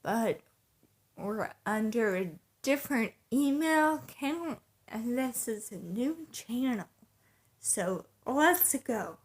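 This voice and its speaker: A woman vlogger with breathy, airy starts to her words, talking casually in slow, halting, short broken phrases. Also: a little high, expressive. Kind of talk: casual personal vlog to camera.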